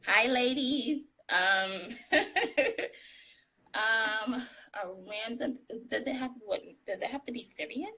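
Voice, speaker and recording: A woman joins a casual interview by phone on a live video call, speaking frankly, laughing often and describing her voice as tiny. It sits on the high side, sounding pushed and bright as she speaks slowly, captured in a low-quality recording.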